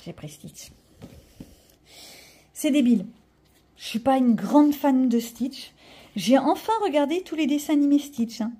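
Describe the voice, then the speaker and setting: A woman's voice: high-pitched, animated, normal speed, warm tone. A middle-aged woman chatting casually to her viewers as she shows off a haul, rambling with self-mocking asides. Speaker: vlogger showing a coloring-book haul. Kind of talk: casual chat to camera.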